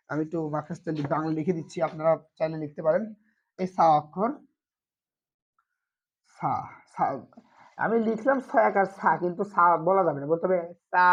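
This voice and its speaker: A Quran reading teacher gives an online lesson on Arabic letters. The teacher talks patiently and repetitively, asks a question and answers it, and keeps checking that viewers are following. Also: mid-range voice. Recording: dull lo-fi recording.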